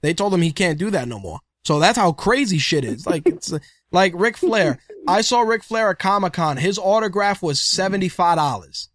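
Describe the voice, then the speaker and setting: Male co-host, loose and rambling, lightly raised pitch, dry studio sound. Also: lively intonation, moderate pace, a bit bright, no echo. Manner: rambling, acts out quoted voices, laughs often. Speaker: podcast co-host. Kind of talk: casual wrestling chat.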